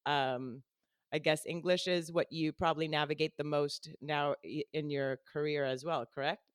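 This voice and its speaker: A woman's voice: low voice, steady tone, normal speed, no echo, clean studio sound. A woman from Colombia, a native Spanish speaker, hosting a casual interview with many restarts. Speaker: podcast host.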